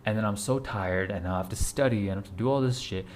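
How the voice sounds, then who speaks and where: This young man, a fitness vlogger in his twenties, speaks quickly in a lowish voice with a little hiss or hum on the recording. His casual pep talk to camera is urgent, repetitive and blunt, peppered with swearing.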